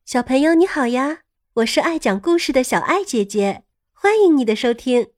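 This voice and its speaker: A woman narrating a scripted story for children as host, expressive and playful, speaking directly to young listeners. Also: sits high, normal speed, dry recording, studio quality, faint music behind.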